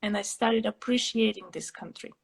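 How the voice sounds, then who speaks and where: A young woman from Russia, an interview guest who answers thoughtfully, pausing to find her words. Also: medium pitch, gravelly, slightly rough, poor audio. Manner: reflective, pauses to find words.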